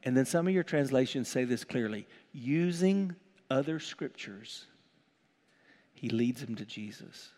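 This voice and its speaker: A middle-aged pastor preaching a sermon in a church, his voice swelling from quiet to loud. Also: medium pitch, expressive, measured pace. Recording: long hall reverb.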